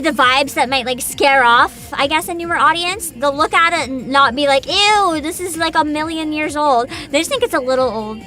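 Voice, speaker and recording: A young woman VTuber chats casually with her livestream viewers, giggling often and reading game descriptions aloud. Her voice sits high and sounds pushed and bright.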